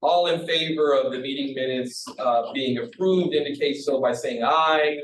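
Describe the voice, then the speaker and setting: A man chairing a college council meeting, relaxed and joking between agenda items. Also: mid-range voice, normal speed. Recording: echoey room from far off, faint hiss.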